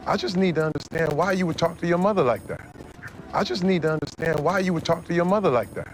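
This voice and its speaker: An actor playing a stern father sitting down with his teenage son, calm and firm. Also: fairly high pitch, brisk, over music, close to an everyday voice, low-quality recording. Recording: clip from a sitcom with faint ambience.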